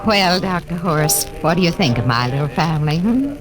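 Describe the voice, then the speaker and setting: A woman plays an elderly, fussing mother in a vintage radio drama. She speaks in a homey, gently insistent way, with music on the recording. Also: lowish voice, animated, normal speed, lightly acted. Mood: concerned. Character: kindly, fussing elderly mother of grown sons. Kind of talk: old-time radio drama acting.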